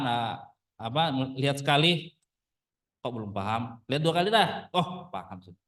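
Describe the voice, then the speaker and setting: A man's voice: on the high side, fairly bright tone, distant mic. A man in his thirties, a religious teacher, giving a casual lesson and peppering his listeners with rhetorical questions. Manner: addresses the audience as brothers. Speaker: Arabic teacher, ustadz.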